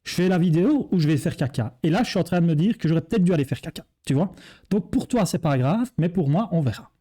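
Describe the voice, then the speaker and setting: Chatty joking man, mellow voice. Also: a little high, lively intonation, fast, husky. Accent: Belgian French. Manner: jokey, chatty, addresses viewer as tu. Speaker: board game reviewer. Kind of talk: casual game presentation.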